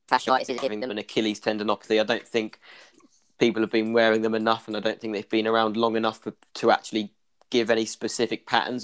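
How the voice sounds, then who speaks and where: A man's voice: lowish voice, clean tone. A man with an Irish accent, a clinician explaining running injuries in a casual podcast chat, full of "kind of" fillers.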